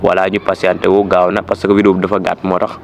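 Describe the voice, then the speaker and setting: In a muffled recording with a slight hiss or hum, a tutorial presenter with a Senegalese accent explains an app step by step, repeating himself and dropping in French words. He talks fast in a deep, creaky, monotone voice, keeping things informal.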